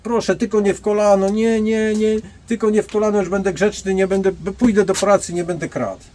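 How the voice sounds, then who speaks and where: A man voicing a young male thief who begs quickly in a whining, raised voice. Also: high voice, steady tone, warm tone, a little hiss or hum, voice pushed up, close to an everyday voice. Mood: begging. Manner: fast, whining pleading.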